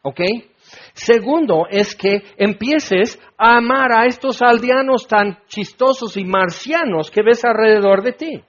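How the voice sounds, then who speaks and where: High-voiced preacher, folksy and joking. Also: male voice, measured pace, highs cut off. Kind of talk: sermon.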